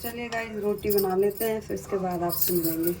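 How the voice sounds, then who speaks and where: In a noisy phone-camera recording from her home kitchen, a Hindi-accented woman cooks and casually chats with viewers she calls "guys." Her voice is medium-pitched, and she talks a little fast.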